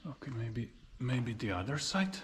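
A man in his thirties, a non-native English speaker, giving a calm running commentary as he walks through an abandoned mansion, filming himself with a handheld action camera. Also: medium pitch, normal speed, background noise. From former Yugoslavia. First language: Serbo-Croatian. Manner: explains calmly while exploring, slightly non-native phrasing. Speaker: travel vlogger. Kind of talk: casual walking tour commentary. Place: outdoors in a park, then inside an empty abandoned mansion. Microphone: action camera held at arm's length.

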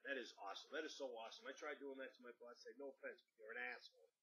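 A man's voice: mid-range voice, flat delivery, very fast, sharp tone, a little hiss or hum, close to an everyday voice. An actor with a Boston accent playing a crude, hot-headed South Boston guy in an improvised comedy skit, swearing constantly and talking bluntly. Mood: brash.

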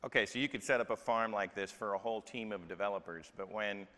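On a large stage in a reverberant hall, a man hosts a live product demo through a lapel mic, casual and joking as he asks leading questions. His voice is fairly low, fast and sharp in tone.

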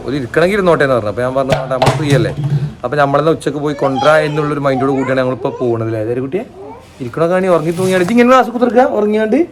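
A young man, chatting casually to camera for a family vlog and teasing his daughter with questions. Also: fairly high pitch. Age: young adult. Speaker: vlogger father. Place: outdoors by a roadside. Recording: noisy outdoor ambience.

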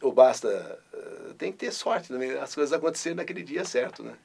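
A man's voice: mid-range voice, animated, fairly quick, gravelly, a little mellow, husky. An older man from Brazil, a radio host telling his story in an interview and bursting into his catchphrase. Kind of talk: interview recollection.

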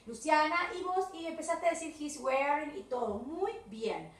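A woman with a Rioplatense Spanish accent, teaching an English video class to children, mixing English and Spanish, encouraging and repeating words with frequent checks for understanding. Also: high-pitched. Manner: switches between English and Spanish, slow and drawn-out for the children. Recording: echoey room with faint background hiss, from a distance.

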